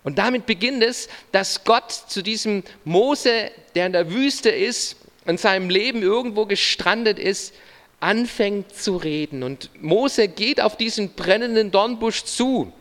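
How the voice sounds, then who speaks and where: A man's voice: high-pitched, unhurried, fairly bright tone. A man in his thirties, a pastor preaching a sermon earnestly, speaking straight to the listener in short phrases. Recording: long reverb of a large hall.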